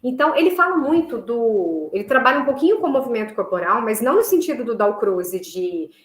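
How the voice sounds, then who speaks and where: A woman teaching a recorded online music class, explaining patiently, checking in often with her students, and slowly chanting rhythm syllables as she demonstrates. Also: on the high side, big pitch swings. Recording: echoey room.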